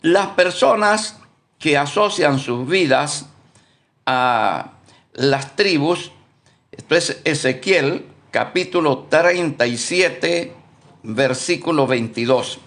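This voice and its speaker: A man leads a Bible study with an unhurried, drawn-out delivery and a gravelly edge to his fairly high voice. He goes back over his points, corrects himself mid-sentence, and keeps stopping to ask if his listeners are following. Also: lively intonation, fairly bright tone. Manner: deliberate, repetitive, often asks "¿Vio?"; self-correcting, thinks aloud. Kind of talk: live-streamed Bible study talk.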